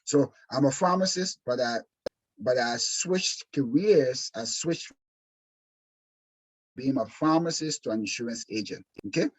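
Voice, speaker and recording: Teaching an insurance exam course by webinar, a Liberian man from West Africa uses a mid-range, husky voice with lively intonation and a slightly slow pace. He repeats phrases to stress them and sounds earnest and emphatic. The recording quality is low.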